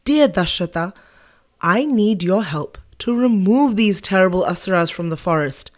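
A woman voicing a mighty, stern old male sage in a children's story, booming and scolding. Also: expressive, moderate pace, close to an everyday voice. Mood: pleading.

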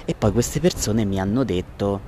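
A man leaving a voice message from out on the street. He speaks thoughtfully on low-quality audio. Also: normal speed, dark tone. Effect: low-quality audio recorded on a phone in the street. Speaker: listener sending a voice message. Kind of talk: voice message in a discussion. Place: outdoors on a city street. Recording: noisy street recording with passing traffic.

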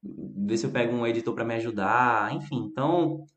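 A man teaching English on a live phone stream, reading English lines slowly and chatting in between with viewers. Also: medium pitch, a bit bright, reverberant. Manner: slow careful English reading, chatty Portuguese asides.

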